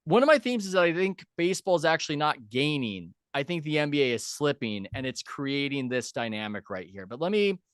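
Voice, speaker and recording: Emphatic, higher-voiced male sports host. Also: sing-song, a bit bright, smooth, no room sound, clean studio sound. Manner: argumentative, emphatic, speeds up and slows down. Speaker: show host. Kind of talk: opinionated sports commentary.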